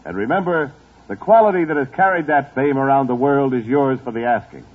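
A man announcing a 1940s radio show, brisk and upbeat like a salesman, heard from an old broadcast disc. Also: mid-range voice, expressive, husky, phone-quality sound. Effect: old broadcast disc sound.

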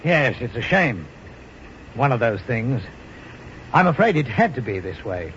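An actor playing a hard, composed, quietly contemptuous safari hunter in a 1950s radio drama. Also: male voice, medium pitch, very animated, measured pace. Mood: grave, contemptuous. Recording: muffled old radio, faint noise.

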